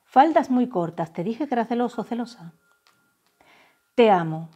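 A woman from giving a tarot reading to her viewers, saying the messages she channels slowly and softly. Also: a little high, animated, husky, dull audio. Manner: slow, soft, drawn-out channeled phrases. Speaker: tarot reader. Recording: faint background music.

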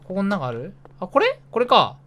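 A man's voice: sits high, wildly swooping pitch, fairly bright tone, slight background noise. A man streaming a horror game, chatting to himself and yelping with sudden, repeated startled exclamations. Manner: jumpy, easily startled, yelps and rapid repeated exclamations; chatty self-talk narrating his moves. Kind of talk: casual horror game commentary.

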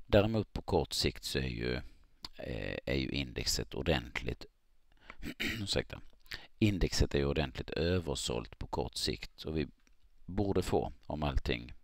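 A man with a very low, gravelly voice gives a screen-recorded chart analysis. He talks in a halting way, thinking aloud and filling pauses as he goes. The sound is dry and close, with no room around it. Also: lively intonation, no room sound. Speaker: market analyst.

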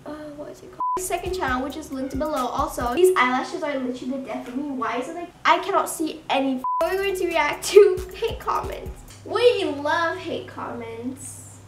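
A woman's voice: high-pitched, expressive, moderate pace, far from the mic. A young woman chatting casually in a vlog, sarcastic and mock-offended as she calls out trolls. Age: young adult. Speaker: YouTuber reacting to hate comments. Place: bedroom, indoors. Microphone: camera mic at a distance. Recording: roomy, off-mic, music behind.

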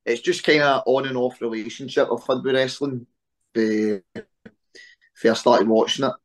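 A Scottish man in his early twenties, a guest speaking casually over a video call, relaxed with lots of "eh" fillers. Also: medium pitch, measured pace. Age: 20s. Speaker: interview guest, wrestler. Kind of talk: casual interview chat. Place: small room at home on a video call.

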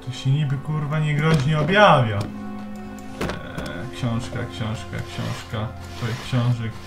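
A man commenting on a horror game as he plays, swearing, talking to himself and to objects, and shouting in panic when scared. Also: medium pitch, slow, echoey room, over music. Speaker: let's play gamer. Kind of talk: let's play commentary.

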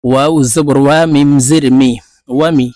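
A man's voice: on the high side, steady tone, a little mellow, no room sound. Bangladeshi man spelling out Quranic words. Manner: spells letter by letter, then chants the words slowly and drawn out. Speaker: Quran reading teacher. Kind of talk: spelling out and slowly reciting Quranic words in a lesson.

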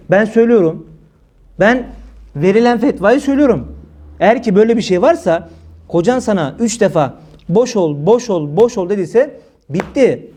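Male preacher, high voice, scolding and emphatic, religious talk. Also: darkish tone. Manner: scolding, emphatic, rhetorical questions.

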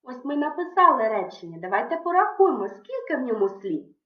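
A woman voicing an eager young female cartoon helper in a high, sing-song voice, guiding children through a writing task. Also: big pitch swings, brisk. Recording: echoey room, dull lo-fi sound.

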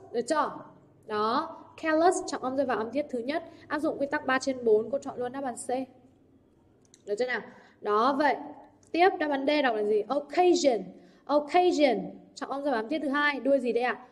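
A young adult woman teacher working through English exam answers, often checking in with the class through rhetorical questions. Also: high voice. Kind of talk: exam answer walkthrough lesson.

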